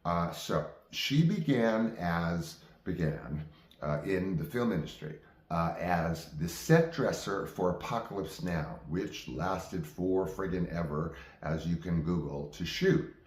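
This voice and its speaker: A man in his fifties with a very low-pitched voice shares memories in a casual monologue. He talks haltingly and often wanders into asides. The sound is clearly roomy, with echo around the voice. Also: lively intonation. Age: 50s. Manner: halting, digressive. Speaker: vlog host telling personal stories.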